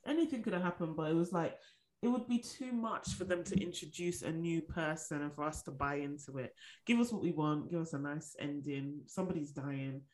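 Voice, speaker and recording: A woman's voice: low voice, fairly quick, a little mellow, rough recording. A British woman chatting casually as a podcast host, opinionated and full of informal slang. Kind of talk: casual chat.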